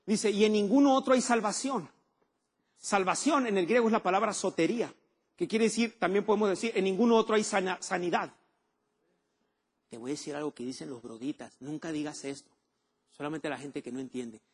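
Emphatic male preacher, high and husky, asks the room questions. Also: brisk. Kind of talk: sermon.

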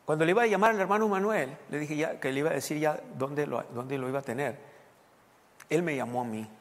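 A man's voice: on the high side, fast. A male pastor preaching a sermon as a personal story, talking conversationally and asking his congregation questions. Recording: long hall reverb.

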